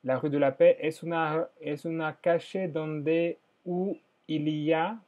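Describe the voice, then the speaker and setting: A man from France giving a casual language lesson, slowly repeating each phrase and switching between two languages. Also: a little high, fairly even intonation, darkish tone, dull audio. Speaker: French teacher.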